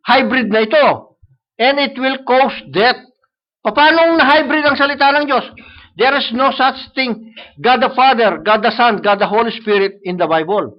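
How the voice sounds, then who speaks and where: A very high-pitched man with a Filipino accent preaches a sermon, heard through dull, lo-fi live stream audio. He mixes Tagalog and English, repeating "sabi niya" and often asking the congregation "no?".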